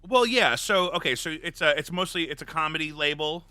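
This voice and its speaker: A man's voice: on the high side, fairly quick, bright, forceful tone, clear, resonant tone, no room sound. A man hosting a podcast while eating, asking rambling, joking questions full of fillers. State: eating during the show. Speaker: podcast host. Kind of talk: casual interview chat.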